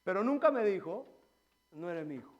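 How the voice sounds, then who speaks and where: High-pitched pastor preaching in church, gets loud then goes quiet telling stories. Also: male voice, normal speed, dull audio. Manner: animated, swings between loud preaching and quiet storytelling. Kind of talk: sermon.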